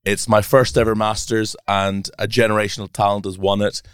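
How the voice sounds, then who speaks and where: Male broadcaster as podcast guest, low smooth voice, keen and animated, dry close mic. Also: fairly quick, no room sound. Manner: animated, laughing, enthusiastic. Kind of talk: casual podcast chat.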